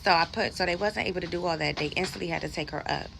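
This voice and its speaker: A woman's voice: fairly low pitch, racing, gravelly, noisy background. A woman in her twenties, a vlogger, candidly telling viewers a personal story in casual talk and swearing freely.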